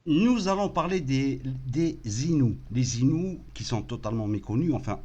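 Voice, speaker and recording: Halting male talk-show host. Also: medium pitch, a little mellow, a little hiss or hum. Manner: halting, repeated hesitations and restarts. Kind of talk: live online talk show hosting.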